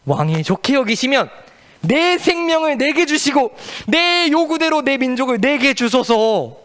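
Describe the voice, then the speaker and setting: A man's voice: very high-pitched, very animated, fairly bright tone, voice pushed up, heavily acted. A man doing a pleading young queen. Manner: slow, earnest, formal pleading. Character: brave young queen pleading before king.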